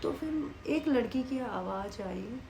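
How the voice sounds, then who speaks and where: A young woman telling a story in a casual vlog, lively and animated, mixing English phrases into her talk. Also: on the high side, slow, creaky. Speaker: vlogger. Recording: echoey room with faint background noise.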